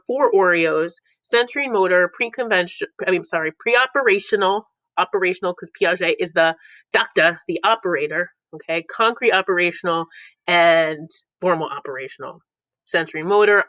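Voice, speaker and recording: A woman's voice: on the low side, pushed and bright, no echo, rough recording. A woman teaching a review lesson, playful, breaking into silly voices for the clues between explanations. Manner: playful, reads clue lines in put-on voices.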